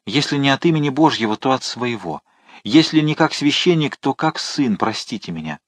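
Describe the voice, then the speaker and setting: A man's voice: mid-range voice, lively intonation, moderate pace, no room sound, voice pushed up, close to an everyday voice. A man voicing a dying, remorseful executioner who moans and begs for absolution. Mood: begging. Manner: pleading, moaning.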